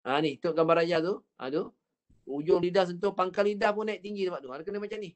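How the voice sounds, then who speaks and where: A Quran recitation teacher with a Malaysian Malay accent runs an online reading class over video call. His voice is high for a man, and he coaches patiently, drawing words out slowly to demonstrate them.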